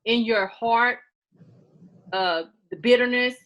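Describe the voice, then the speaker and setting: A woman's voice: on the high side, slow pace, lo-fi sound. A woman in her late forties, talking earnestly and a bit preachily as an interview guest, repeating herself as she makes her points. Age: 40s. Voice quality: loud by nature. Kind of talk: casual interview talk.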